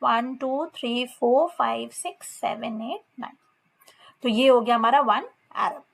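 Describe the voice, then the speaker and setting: A woman's slightly high voice, marked by vocal fry, leads a step-by-step maths lesson in an Indian accent. She reads textbook lines slowly and explains them in combined Hindi and English.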